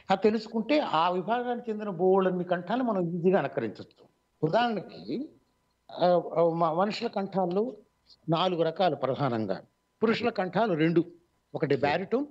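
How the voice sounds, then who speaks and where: A man with a Telugu accent, a mimicry artist, answering radio interview questions in a measured, explanatory way with many pauses and fillers. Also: high voice, a little mellow. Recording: dull lo-fi online radio audio.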